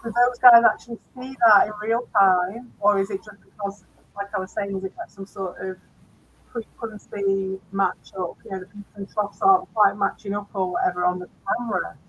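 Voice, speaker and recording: A woman's voice: mid-range voice, steady tone, normal speed, a bit bright, lo-fi sound, slight background noise. A woman co-hosting a late-night stream, chatting casually while watching videos, rambling and swearing with lots of tag questions. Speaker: stream co-host.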